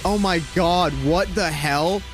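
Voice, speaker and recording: A game streamer reacting excitedly out loud, swearing and talking to the characters on screen. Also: medium pitch, slow pace. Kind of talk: casual reaction commentary. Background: game music.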